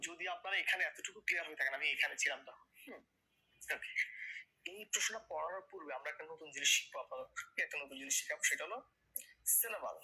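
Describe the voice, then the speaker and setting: A man's voice: fairly high pitch, fast, bright, forceful tone, husky, rough recording. A man teaching English grammar in a classroom lecture, repeating questions and key words to his students, with a Bangladeshi accent.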